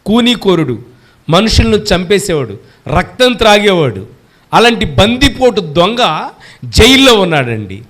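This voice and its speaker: A man's voice: high-pitched, big pitch swings, a little slow, a bit bright. A male pastor giving a Good Friday sermon in an emphatic preaching manner, firing questions at the congregation and urging them to answer aloud.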